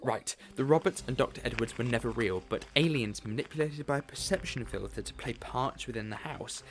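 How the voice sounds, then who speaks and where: A man's voice: mid-range voice, noisy background, natural voice. The Doctor, a man playing a theatrical alien sleuth. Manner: theatrical, quick-witted, fond of grand explanations. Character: eccentric alien time-traveling male detective. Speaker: lead character. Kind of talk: fan audio drama acting.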